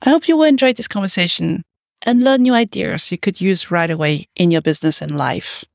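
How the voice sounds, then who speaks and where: A woman's voice: fairly low pitch, brisk, creaky, no echo, clean studio sound. A woman hosting a business podcast, reading a scripted welcome and then asking her guest conversational questions. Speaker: podcast host. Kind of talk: podcast interview.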